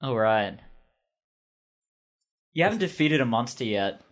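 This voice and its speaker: Casual man game master, mid-pitched, hesitant, laughs a lot. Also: big pitch swings, a little slow. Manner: laughing, hesitant with many ums. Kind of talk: casual tabletop game chat.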